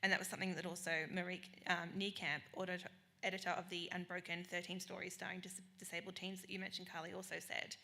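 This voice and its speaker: A woman leads a live panel talk, her fairly low voice rapid and bright. She is enthusiastic, and she tosses in jokey asides between her questions. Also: level tone, gravelly. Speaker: panel moderator. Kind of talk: conversational panel moderating.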